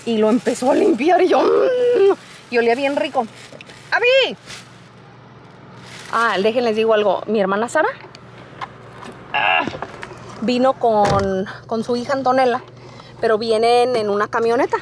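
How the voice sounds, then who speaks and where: A woman's voice: fairly high pitch, normal speed. A woman vlogger chatting and telling stories in a casual vlog, laughing often. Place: in a car and outdoors. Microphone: small handheld camera. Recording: noisy vehicle background.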